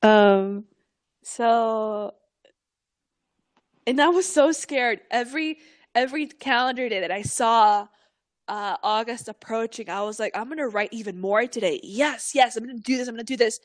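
A young woman co-hosting a podcast, telling stories in a lively, animated way, laughing often and swearing freely. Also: fairly high pitch, normal speed. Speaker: podcast co-host. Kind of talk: casual podcast chat.

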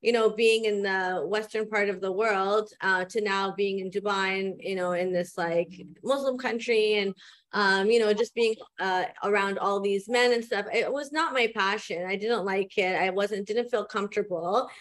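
Woman from Canada, podcast guest, casual storytelling, relaxed, lots of fillers. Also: mid-range voice, moderate pace.

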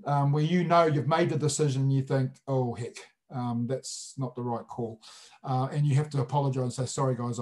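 A man's voice: medium pitch, warm tone. A man with a broad New Zealand accent chatting casually as an interview guest, blunt and jokey with colloquial turns of phrase. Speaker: sports referee, interview guest.

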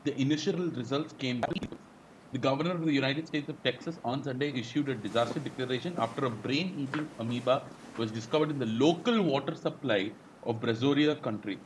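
A man's voice: medium pitch, a little fast, low-quality recording. A man with an Indian accent chatting casually as a co-host. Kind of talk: casual chat. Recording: clear background noise.

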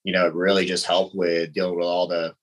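A man's voice: deep voice, level tone, a little fast, poor audio. A man in his thirties from the United States, a podcast guest talking casually and laughing lightly between answers. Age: 30s. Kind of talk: casual conversation.

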